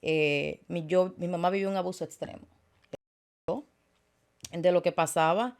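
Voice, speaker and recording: A woman, a guest telling her story in an interview in an earnest, halting way with many fillers. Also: on the low side, fairly even intonation, darkish tone. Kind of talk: personal testimony in interview.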